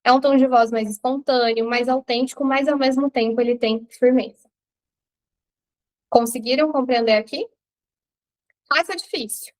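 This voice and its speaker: A Brazilian woman with a high voice is teaching a recorded class. She explains things step by step and keeps turning to her students with rhetorical questions. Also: steady tone, normal speed, pauses often, darkish tone. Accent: Brazilian Portuguese. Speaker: branding teacher.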